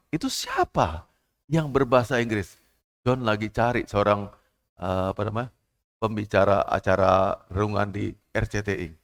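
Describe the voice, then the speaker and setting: A man preaching a church sermon, acting out prayers and voices with sudden rises in pitch. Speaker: pastor. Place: church service.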